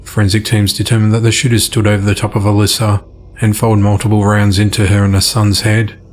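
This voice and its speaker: A man reading crime news from a script in an even newsreader delivery. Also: lowish voice, brisk, a little hiss or hum. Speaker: news reader.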